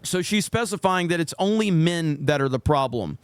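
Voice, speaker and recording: A man's voice: fairly high pitch, lively intonation, normal speed, smooth, no echo, studio quality. A man giving casual, opinionated commentary on gaming clips in a blunt, sarcastic, sweary manner.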